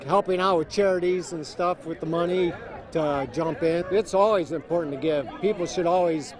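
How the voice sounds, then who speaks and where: High-voiced man amid outdoor crowd. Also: moderate pace. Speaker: charity plunge participant. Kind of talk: casual interview answer. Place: outdoors at a riverside event. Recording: outdoor crowd noise behind.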